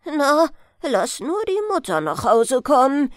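A woman voicing a grumpy old grandfather hare who scolds loudly in a bedtime storybook. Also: a little high, very animated, takes it slowly, dry recording, studio quality, full character voice. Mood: scolding. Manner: stern, loud scolding grumble.

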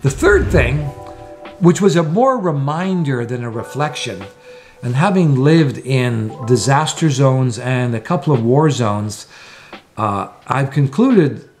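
Soft music plays behind a man in his sixties recording a sailing vlog in a small room at home. He speaks slowly and expressively in a mid-range, darkish voice, laying out his points earnestly one by one.

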